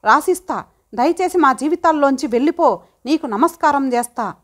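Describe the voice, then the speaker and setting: A woman's voice: high voice, animated, normal speed. A woman voicing a defensive, angry husband in an audiobook drama reading.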